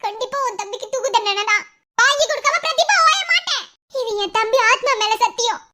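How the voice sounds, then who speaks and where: A woman voicing an angry grieving woman who swears revenge for her brother, shouting threats with bitter laughs in a Madurai Tamil accent. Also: extremely high pitch, brisk. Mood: furious vengeful.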